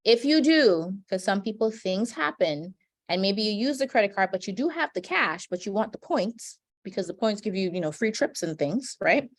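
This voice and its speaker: A woman's voice: mid-range voice, animated, normal speed. A woman from Trinidad teaching budgeting and credit basics in a webinar, explaining step by step and checking in with "right?" as she goes. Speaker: financial educator. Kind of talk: webinar presentation. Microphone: video call.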